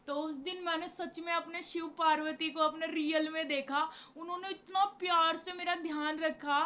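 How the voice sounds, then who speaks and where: A woman's voice: high voice, bright, forceful tone, highs cut off. A young woman vlogger telling a personal story to camera in a rambling, emotional way, often repeating herself and calling her viewers guys.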